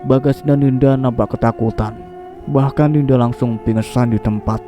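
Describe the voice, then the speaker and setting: A man narrates a scripted horror story at a middle pitch. He keeps his reading steady. Clear music runs under his voice. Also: moderate pace. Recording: voice over clear background music.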